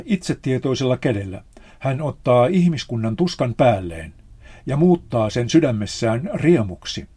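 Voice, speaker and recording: A man reading a spiritual text aloud in a measured, solemn manner. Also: mid-range voice, warm tone, breathy edge.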